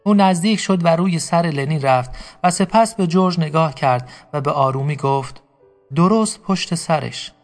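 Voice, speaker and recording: A man's voice: fairly high pitch, faint music behind. A man narrating a dramatic story, speaking directly to his listeners.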